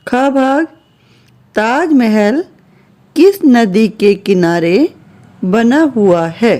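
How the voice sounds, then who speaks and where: Woman schoolteacher, very slow, warm mellow tone. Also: fairly high pitch. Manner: patient, slow and deliberate, reading out words one at a time. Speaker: teacher. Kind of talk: slow classroom exercise walkthrough.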